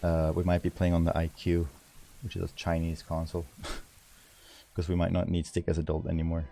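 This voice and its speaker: Low, mellow-voiced man commentating a game. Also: monotone, normal speed, creaky. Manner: informal, rambling, thinking aloud. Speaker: speedrunner commentating own run. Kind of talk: casual livestream game commentary.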